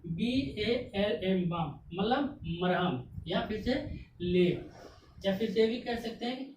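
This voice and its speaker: In a classroom-style grammar lesson, a woman teaching English spells out words letter by letter and answers the questions she poses herself. She speaks slowly in a mid-range voice. The mic is distant in an echoey room, with faint noise.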